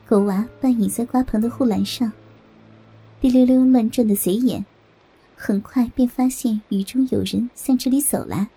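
A woman reads a story in a steady, even voice. Her tone is very dark and mellow, slightly higher in pitch, with a husky, breathy grain. Faint music plays in the background. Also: rough recording. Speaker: narrator. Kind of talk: scripted story narration.

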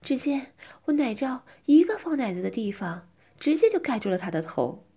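Woman, middle-aged, whispered role-play, very breathy, lively pitch, coy. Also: moderate pace. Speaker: narrator.

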